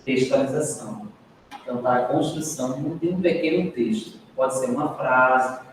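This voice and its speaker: A man's voice: medium pitch, normal speed, a little hiss or hum. A Brazilian man teaching a training session, questioning the group and often adding a tag question. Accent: Brazilian Portuguese. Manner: adds "né?" often, prompts the group to answer. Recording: echoey classroom, recorded from a distance.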